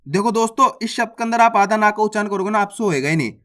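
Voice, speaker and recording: A reading teacher who sounds out words syllable by syllable, then says each whole, and checks with viewers that it is clear. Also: mid-range voice, expressive, quick pace, fairly bright tone. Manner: addresses viewers as friends, asks if it is clear. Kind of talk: slow word-by-word reading lesson.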